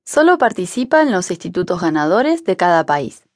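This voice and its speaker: Woman with an expressive narrating voice. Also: fairly low pitch, no room sound, studio quality. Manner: clear, measured reading for language learners. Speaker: audiobook narrator. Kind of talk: scripted narration.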